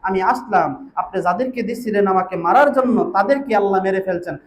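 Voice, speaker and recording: A man with a high, ringing voice delivers a storytelling sermon, slipping into sing-song chanting and sudden loud calls to his listeners. Faint ambient sound sits behind him. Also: quick pace, a little hiss or hum. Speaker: preacher. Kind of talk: Bengali waz sermon storytelling.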